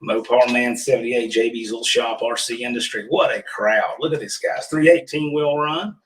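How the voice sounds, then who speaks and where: A man with a hoarse, rusty, froggy voice, chatting casually as he hosts a livestream. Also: mid-range voice, steady tone, moderate pace, a bit bright, far from the mic. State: hoarse from pollen. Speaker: host of a livestream workshop. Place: remote studio.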